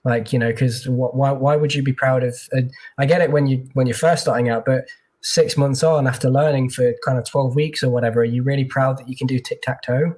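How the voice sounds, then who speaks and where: A man's voice: mid-range voice, steady tone, fairly quick, a little mellow. A man working as a tech recruiter, chatting casually in an interview with lots of fillers and restarts, heard over a video call.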